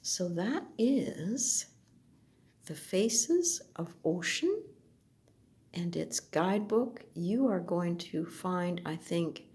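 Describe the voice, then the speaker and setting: A woman slowly looking through an oracle deck, speaking softly and at times dropping to a whisper. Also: on the low side, lively intonation. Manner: soft, slow, gently admiring, drifts into whispers. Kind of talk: slow unboxing commentary.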